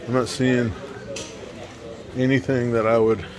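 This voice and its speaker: A man's voice: mid-range voice, little pitch movement, measured pace, a little mellow. A middle-aged man vlogging a walk-through, muttering casual asides as he browses a warehouse auction hall on a handheld phone. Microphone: handheld phone camera.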